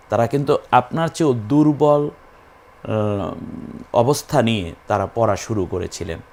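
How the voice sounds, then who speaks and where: A man's voice: fairly low pitch, a little mellow. A man gives a recitation lesson in a patient, methodical way. He breaks each word into syllables and stretches the long vowels when he demonstrates them. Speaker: Quran recitation teacher.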